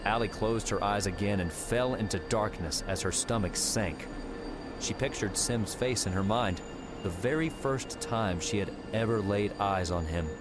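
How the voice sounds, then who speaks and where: A man with a lowish voice reads an audiobook at a normal speed, narrating a script in a dramatic storytelling style. Music plays beneath his voice.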